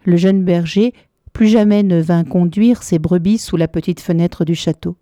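Female storyteller, mellow and measured, lilting delivery, dry booth sound. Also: lowish voice, no echo. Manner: measured, lilting, dramatic pauses. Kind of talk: storybook narration.

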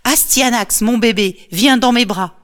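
A woman voicing a dutiful male warrior in a storybook reading, speaking softly and gravely. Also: fairly low pitch, a little slow. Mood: joyful. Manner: soft, grave murmur with a joyful outburst. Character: Hector, a grown male Trojan warrior, devoted and dutiful.

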